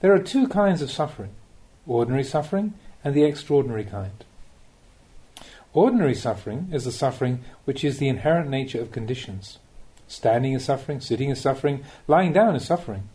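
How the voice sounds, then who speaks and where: Speaking at a medium pitch in an animated but mellow voice, a Buddhist monk narrates a scripted spiritual teaching as an audiobook. He keeps his delivery measured and deliberate, with rhetorical questions throughout.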